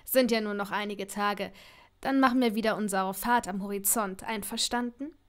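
A woman voicing a young man in an audiobook, a teasing, laid-back charmer who speaks low and relaxed. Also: normal speed, lightly acted. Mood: easygoing.

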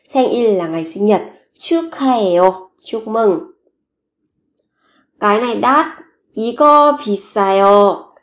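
A woman teaching a language lesson, explaining short phrases and repeating each example slowly and clearly, often lifting her voice on the example phrases. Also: mid-range voice.

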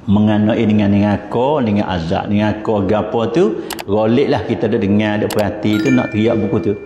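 This is a man's fairly low, dark voice, steady in tone and a little quick, with slight background noise. A Patani Malay-accented religious teacher from southern Thailand, he lectures informally in a mosque hall, talking and explaining with the odd chanted verse. The hall is echoey and the audio dull and lo-fi.

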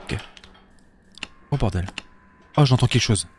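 A man hosting a horror game let's play, excitable, swearing and laughing, yelping when frightened. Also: medium pitch, a little slow. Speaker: gaming video host.

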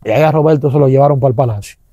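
A man with a Dominican accent giving an animated testimony, acting out sounds and quoting people, with religious exclamations. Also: mid-range voice, rapid-fire, no echo, studio quality.

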